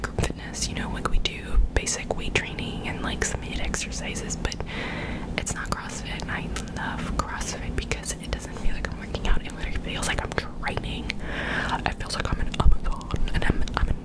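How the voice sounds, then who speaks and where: A young woman whispers casual, chatty ASMR very close to a microphone in a room at home. Her voice is breathy and unvoiced, with soft clicky mouth sounds made to give tingles. She rambles informally, as if to a friend. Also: a little fast, rough recording. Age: young adult. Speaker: ASMR creator. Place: small room at home, indoors. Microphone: large desk microphone up close, headphones on.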